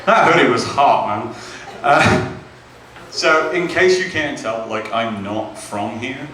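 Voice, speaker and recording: A man's voice: mid-range voice, takes it slowly, pushed and bright, very echoey, distant mic, rough recording. A man from South London with a South London accent doing a chatty, self-deprecating stand-up set in a club. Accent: South London English. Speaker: stand-up comedian. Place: comedy club stage.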